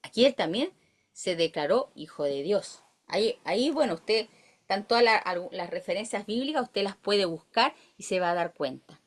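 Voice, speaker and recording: Animated Chilean woman teaching scripture. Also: mid-range voice, normal speed. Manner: animated, asks the listeners questions and reads verses aloud. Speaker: Bible teacher. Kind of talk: Bible study teaching.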